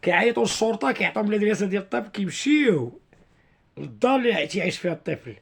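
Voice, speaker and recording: Moroccan guy talking to his followers, fast and creaky, keeps repeating himself hunting for words. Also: high voice, animated. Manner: repetitive, halting, searching for words. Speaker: online video commentator. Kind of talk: informal explanatory commentary to followers.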